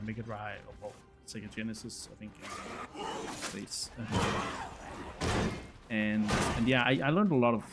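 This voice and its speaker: A man from Denmark in his thirties, speaking with a Danish accent as a native Danish speaker, casually talks to viewers while playing as a game streamer. His pitch is fairly low, and he's hesitant, often repeating words.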